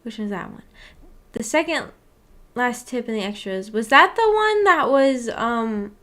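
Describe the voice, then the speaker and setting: A woman hosting a visual novel book club livestream chats casually as she reacts to the story, giggling often, rambling, and sounding puzzled as she keeps questioning herself. Her voice is a little high, expressive, and fairly bright, and she speaks a little slowly.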